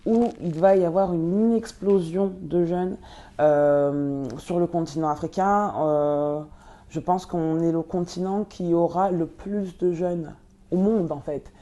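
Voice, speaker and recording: A young woman who grew up in Belgium and was born in Congo, answering interview questions with many pauses and fillers. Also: lowish voice, mellow. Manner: hesitant, many fillers and restarts. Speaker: guest, nonprofit co-founder.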